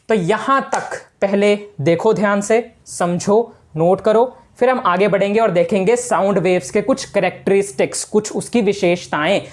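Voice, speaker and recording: A male teacher giving a casual physics lesson to students, talking informally and repeating the key points. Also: high-pitched.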